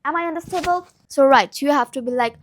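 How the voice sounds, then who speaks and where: A young woman with a high voice teaches English pronunciation informally, repeating example words slowly and often checking that the listener follows.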